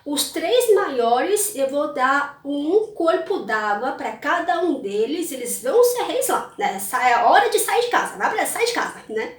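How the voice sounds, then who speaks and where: A woman's voice: sits high, sing-song, a little slow, hardly any pauses. A woman voicing a dragon king father who teases his youngest son in a mock-solemn way. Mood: planning. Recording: roomy, mic at a distance.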